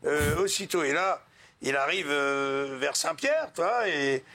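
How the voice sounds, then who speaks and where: A man telling jokes on a comedy show, acting out the characters with big jumps in his voice. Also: a little slow. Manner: animated, raises pitch sharply for characters. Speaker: joke teller on a comedy show.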